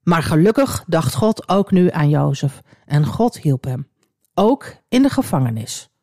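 Animated woman reading a children's Bible story. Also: low-pitched, measured pace, no room sound, studio quality. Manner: expressive, addressing young listeners directly.

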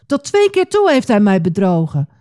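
A woman voicing a hot-tempered young male hunter, pleading and shouting in a storybook reading. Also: mid-range voice, expressive, normal speed, no echo, studio quality, natural voice. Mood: distraught.

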